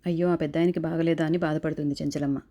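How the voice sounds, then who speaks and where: A woman with a low, flat voice races through an episode recap, catching her own slips and restarting mid-phrase. Her tone is dark and mellow. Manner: hurried retelling with frequent self-corrections and restarts. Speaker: serial reviewer. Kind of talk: fast episode recap narration.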